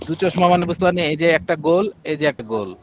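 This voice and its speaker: A man with a Bangladeshi Bengali accent teaching an online class, drilling syllables slowly and patiently. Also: fairly high pitch, animated, a little hiss or hum.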